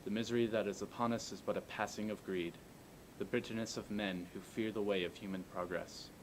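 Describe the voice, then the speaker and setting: A man giving an earnest recitation of a speech with measured, declamatory phrasing. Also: fairly even intonation. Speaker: amateur performer. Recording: faint noise and low rumble.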